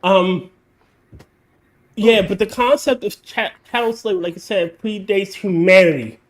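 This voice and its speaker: High-pitched and moderately paced, the man's voice carries a casual podcast discussion he's hosting. He's blunt, swears a lot, and goes on in long lecturing stretches.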